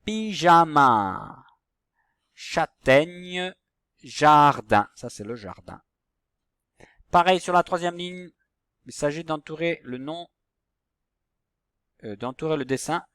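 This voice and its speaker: Patient male teacher, slow clear words. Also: on the high side, no room sound, studio quality. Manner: slow, patient, stresses each example word. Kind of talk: recorded phonics lesson for young pupils.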